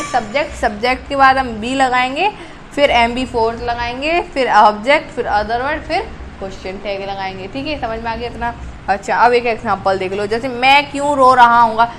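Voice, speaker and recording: A woman, her voice sitting high, walks through a grammar lesson. She fires off questions and answers them herself, catching and fixing her own slips. A faint background noise runs under her voice. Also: a bit bright, rough recording. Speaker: English grammar teacher. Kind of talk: classroom-style grammar lesson.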